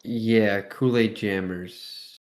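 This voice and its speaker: A man's voice: on the low side, fairly even intonation, extremely slow. A man co-hosting a podcast in casual chat, talking in a slangy, exclamatory way. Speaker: podcast co-host.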